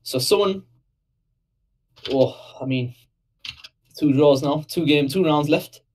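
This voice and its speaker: A man co-commentating a live esports match, upbeat and teasing, with quick reactions to plays. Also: a little high, a little mellow, low-quality recording. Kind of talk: casual live game commentary.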